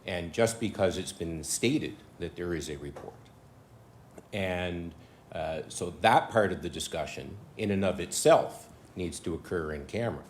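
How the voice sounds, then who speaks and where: Deep-voiced guy, the town lawyer, careful and cautious, faint hum behind. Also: measured pace. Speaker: town solicitor. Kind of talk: legal advice at a council meeting.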